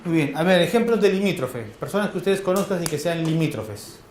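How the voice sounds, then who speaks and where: A man with a Peruvian accent giving a classroom lecture, firing quick questions at his students in a colloquial way. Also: a little high, slight background noise. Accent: Peruvian Spanish. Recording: echoey classroom.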